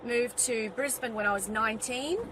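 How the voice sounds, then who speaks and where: A woman in her forties, born in Wales and raised in Western Australia, chats freely in a slightly high voice, trailing off into ums and restarting her sentences. She sits inside a car, and vehicle noise hums clearly behind her. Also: normal speed. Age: 40s. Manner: chatty, with many ums and restarts. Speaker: guest, fitness business owner. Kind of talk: casual interview chat. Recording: car interior with road noise.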